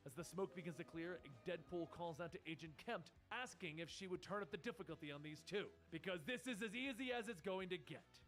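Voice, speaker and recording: A man narrating a story recap in a quick, animated way. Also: high-pitched, faint music behind.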